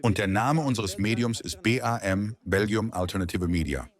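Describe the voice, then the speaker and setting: A man's voice: lowish voice, normal speed. A man from France with a French accent, French his first language, answering questions emphatically in a street interview. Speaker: alternative media reporter. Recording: crowd chatter behind.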